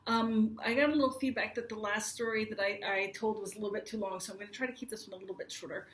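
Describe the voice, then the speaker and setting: A woman's voice: medium pitch, steady tone, fast, a bit bright, slight background noise. An American woman in her forties casually telling a funny personal story to camera, chatty and laughing as she goes. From United States. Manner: chatty, laughs while telling, acts out dialogue.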